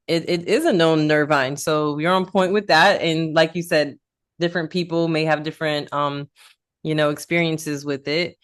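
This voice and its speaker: An enthusiastic woman herbalist leads a casual group conversation. She sounds folksy and eager, and she keeps calling her listeners y'all. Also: low-pitched. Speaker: herbalist host.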